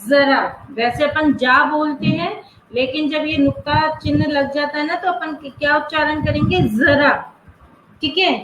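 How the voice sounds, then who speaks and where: Woman teacher, high voice, asks the kids stuff then answers it herself, roomy muffled video call sound. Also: steady tone, a bit bright, slight background noise. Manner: asks the class questions and answers them herself; slow, drawn-out spelling of example words. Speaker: school teacher. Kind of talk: online Hindi grammar class. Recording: roomy, muffled online class audio.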